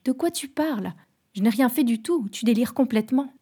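Woman doing sly half-sister, quiet raised pitch, falsely innocent. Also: expressive, a little fast, breathy edge. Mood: feigned innocence. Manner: mock-innocent, dismissive. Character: scheming young half-sister feigning innocence.

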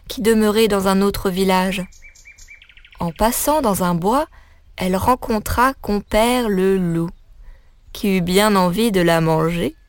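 A woman reading a fairy tale aloud as a storyteller, in a measured and expressive way. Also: medium pitch, dry recording.

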